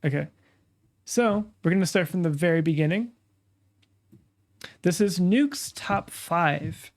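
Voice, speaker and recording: A casual streamer talks to the chat while reacting to videos. The voice sits at a medium pitch and is stuffy and nasal, as though the nose were pinched shut. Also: expressive, slow. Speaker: streamer and host.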